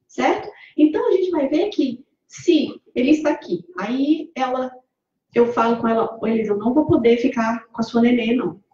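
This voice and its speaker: A Brazilian woman with a high, mellow voice gives a Spiritist talk to a congregation in a community hall, speaking conversationally, asking the audience questions and acting out quoted speech. She's far from the mic, and the echoey hall leaves the sound dull and lo-fi.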